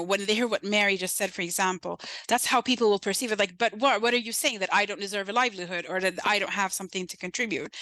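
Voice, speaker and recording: Her voice is medium-pitched with a sharp tone and no room sound. She is a Sudanese woman, likely in her thirties, whose accent carries a touch of British, and as a podcast guest she talks earnestly and emphatically, often tossing in "right?".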